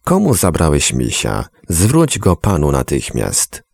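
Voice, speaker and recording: A man's voice: extremely low pitch, huge pitch swings, slow pace, creaky, a little mellow, slightly rough, dry recording, full character voice. A man doing a stern, curt grandmother. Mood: scolding. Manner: dry, scolding.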